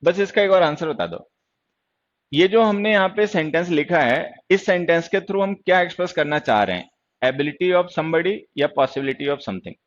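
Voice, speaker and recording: A hoarse man teaching an online English grammar class, scolding and teasing his students playfully as he explains. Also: fairly high pitch, normal speed, muffled recording. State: hoarse from shouting.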